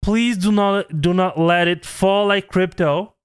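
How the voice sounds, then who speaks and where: A man's voice: high voice, steady tone, a little slow, smooth. A man in his twenties, a channel host, giving an earnest, pleading vlog rant. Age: 20s.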